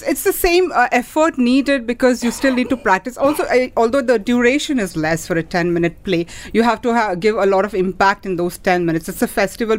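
A woman gives explanatory answers as an interview guest. Her pitch is average, and she speaks haltingly, pausing often to find the next phrase. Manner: halting, hesitant phrasing with many pauses. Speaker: interview guest, theatre festival organiser. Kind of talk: conversational interview.

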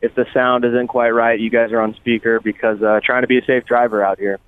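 A man calling in on speakerphone while he drives, talking in a relaxed, halting way. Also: medium pitch, clean tone, no echo. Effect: on speakerphone in a car. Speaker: guest player. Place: driving in a car. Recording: tinny phone line.

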